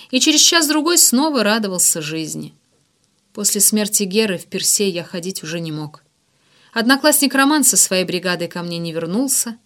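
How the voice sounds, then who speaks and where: A woman narrating an audiobook in the first person, in a measured, steady way. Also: mid-range voice.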